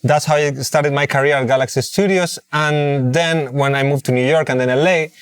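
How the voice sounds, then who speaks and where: A man from Uruguay who grew up in Spain, a producer guest, speaking in a friendly, slightly halting way in a casual interview. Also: on the high side, fairly even intonation, clear, resonant tone, no room sound, clean studio sound. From Uruguay, raised in Spain. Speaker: producer and mix engineer guest.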